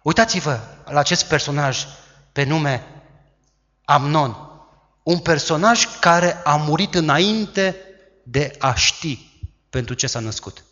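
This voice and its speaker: A man preaching a sermon, who acts out quoted voices loudly and dramatically. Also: a little high, pauses often, lo-fi sound. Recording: long hall reverb.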